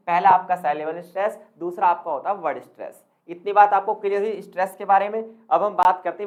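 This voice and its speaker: Male tutor, exam-prep lecture, rhetorical questions, calls viewers friends, English terms mixed in. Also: sits high. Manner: keeps asking the listener questions and answering them; mixes English terms into his speech. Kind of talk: explanatory lecture.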